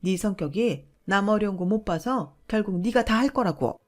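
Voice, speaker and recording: A woman voicing a domineering, loud middle-aged mother-in-law who scolds and belittles in a shrill voice. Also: animated, moderate pace, lightly acted. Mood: scolding.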